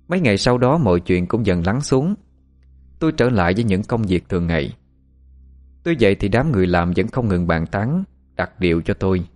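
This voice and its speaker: A man narrating a first-person story in a steady, calm storytelling manner. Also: sits low.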